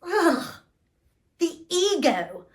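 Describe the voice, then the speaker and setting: A woman's voice: very high voice, big pitch swings, very slow, voice pushed up, exaggerated voice. A woman playing a headstrong young English girl in a British accent, in a theatrical audition monologue. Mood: haughty. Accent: put-on British. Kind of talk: audition self-tape monologue.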